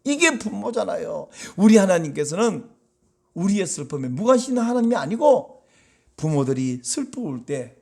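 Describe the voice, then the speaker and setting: Animated Korean pastor with a lively, high voice. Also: male voice, normal speed, creaky. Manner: animated, acts out quoted voices with big pitch swings; conversational, asks the congregation questions. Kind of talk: sermon.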